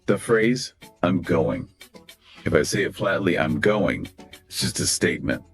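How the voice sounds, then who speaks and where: A very deep-voiced man co-hosting a podcast, his pitch swooping widely as he acts out example phrases. He speaks in a scripted, conversational way. Soft music plays faintly under his voice. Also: moderate pace, vocal fry. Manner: animated, demonstrates phrases with exaggerated pitch swings. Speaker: podcast co-host.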